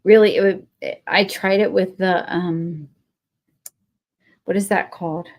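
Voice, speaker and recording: A woman with a Texan accent talks a little slowly in a fairly low voice with fairly even intonation. Hosting a live crafting session, she chats casually and at length with viewers, friendly and responsive to their comments.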